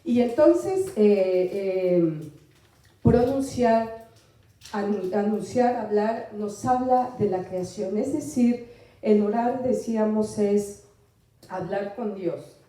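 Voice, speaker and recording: A woman's voice: medium pitch, warm tone. Female preacher with a strained throat, heard from afar in a very echoey hall. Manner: pausing often with fillers, asking the congregation questions. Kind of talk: sermon. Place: church hall. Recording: echoey hall, voice from far off the mic.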